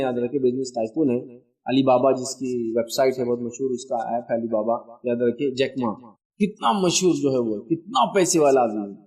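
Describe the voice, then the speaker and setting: A man's voice: a little high, a little mellow. Male lecturer, emphatic and urging, recorded at some distance from the mic. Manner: emphatic, exhorting, mixes English words into Urdu. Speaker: religious lecturer. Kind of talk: motivational lecture.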